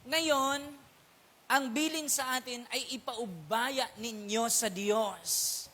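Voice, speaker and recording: Animated male pastor preaching. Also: very high voice, slow. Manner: keeps asking if listeners are still there; mixes English words into speech. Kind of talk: sermon. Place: church prayer meeting.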